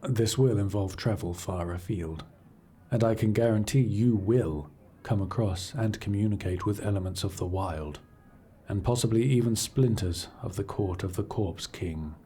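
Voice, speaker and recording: In scripted fantasy audio roleplay, a man voices a cool, imperious scholar-agent serving an arcane archivist patron, addressing the listener directly. His fairly low, dark voice is formal, measured, and dryly condescending, lightly acted with a cool, commanding mood, and the recording carries slight hiss or hum.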